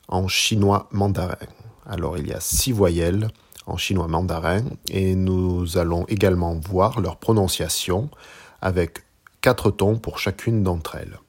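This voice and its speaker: A man hosting a podcast lesson on Chinese, explaining calmly and in a measured way. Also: deep voice, breathy edge. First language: French. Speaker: podcast host and Chinese teacher.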